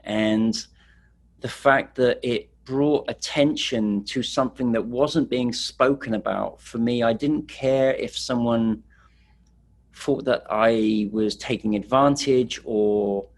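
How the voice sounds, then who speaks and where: This middle-aged Englishman speaks slowly in a mid-range voice, casually recounting his experiences as a street photographer. The presentation is loose and rambling, dotted with fillers.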